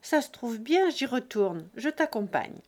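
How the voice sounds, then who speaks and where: A woman's voice: fairly high pitch, sing-song, measured pace, a little mellow. Give me a woman doing a sturdy young farmhand from a read-aloud novel, protective and plain. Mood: kindly.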